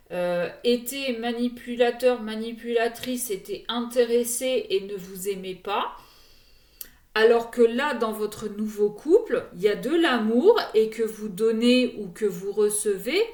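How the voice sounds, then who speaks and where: Slow, hesitant woman card reader. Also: on the high side, roomy sound. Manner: hesitant, full of "euh" fillers and restarts. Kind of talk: casual card reading addressed to viewers.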